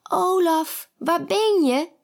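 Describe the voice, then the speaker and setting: A woman voicing an excited young girl who is learning to read. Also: medium pitch, takes it slowly.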